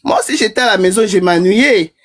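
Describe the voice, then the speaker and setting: A woman's voice: mid-range voice, brisk. A woman, calling in to a live stream and telling her story in a chatty way, laughing often. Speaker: caller. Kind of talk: call-in confession on a live stream.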